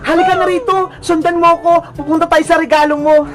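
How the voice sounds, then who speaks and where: A woman voicing a middle-aged mother in a comedy skit, fast and loud, scolding one moment and loving the next. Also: extremely high pitch, very animated. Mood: affectionate. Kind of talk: comedy skit role-play. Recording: echoey room with music behind.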